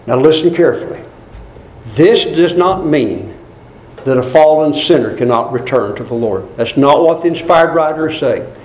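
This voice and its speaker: A man delivers a sermon in a fairly high voice that leaps up on emphatic phrases and sinks low for solemn remarks. He repeats key words to drive them home. The room around him is echoey. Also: lively intonation, moderate pace, a little mellow. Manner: swings between high emphatic peaks and low grave asides; quoted crowd voices in raised pitch. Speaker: preacher.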